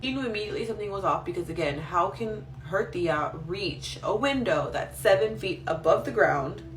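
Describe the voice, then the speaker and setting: Female spooky-story host, conversational yet dramatic, mid pitch, roomy sound slightly away from the mic. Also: animated, moderate pace. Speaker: storyteller host reading follower-sent stories. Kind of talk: spooky storytelling for social media. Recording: roomy echo, distant mic, faint noise.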